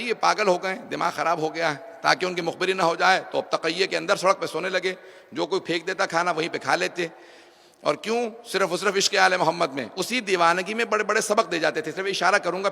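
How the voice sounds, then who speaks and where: Male preacher, rhetorical storyteller, sharp gravelly tone, reverberant hall. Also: high-pitched. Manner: rhetorical, dropping to hushed tones for emphasis. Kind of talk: religious sermon with storytelling.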